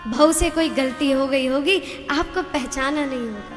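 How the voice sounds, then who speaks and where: A woman voicing an elderly mother-in-law who speaks softly and reproachfully, with music behind her. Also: a little slow. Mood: scolding. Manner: soft, lower and scolding. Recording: reverberant hall with music.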